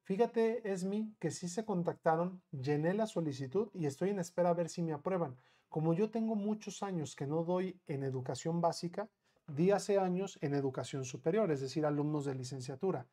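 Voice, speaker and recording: His voice on the high side and mellow, a middle-aged man with a Mexican accent runs a live online math lesson. He keeps it chatty, throws quick questions at the class, and slowly counts out each step.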